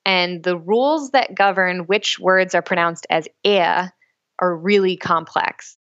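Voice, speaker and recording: Female academic guest, low-pitched and enthusiastic, dry muffled remote sound. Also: measured pace, a bit bright. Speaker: language researcher. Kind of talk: interview answers.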